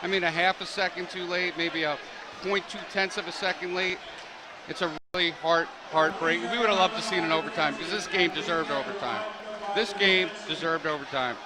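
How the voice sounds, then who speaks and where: A man doing live sports commentary in an excited, emphatic way. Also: fairly high pitch, a little fast. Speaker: play-by-play announcer. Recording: crowd noise at a game.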